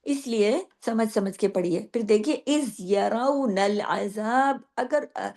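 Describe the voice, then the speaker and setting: A middle-aged woman teaching tajweed. She explains each rule patiently and recites the verses slowly, drawing the sounds out. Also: mid-range voice, darkish tone. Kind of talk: tajweed lesson.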